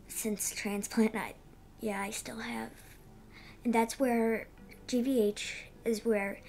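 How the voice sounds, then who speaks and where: A thirteen-year-old girl giving a candid personal interview in halting, youthful casual phrasing. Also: medium pitch, creaky, darkish tone, a little hiss or hum. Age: 13, young teenager. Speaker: interviewee, young patient.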